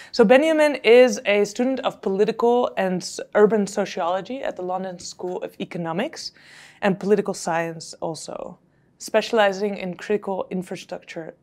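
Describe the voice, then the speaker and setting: Female host, casual and hesitant, introducing a speaker at a symposium. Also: medium pitch. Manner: relaxed, hesitant with uhs.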